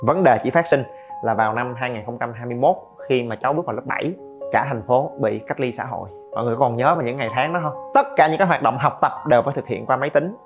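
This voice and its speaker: A middle-aged man hosts a podcast about parenting and makes lively, joking asides to listeners. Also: mid-range voice, fast talker. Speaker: podcast host. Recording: slightly dull, faint guitar music.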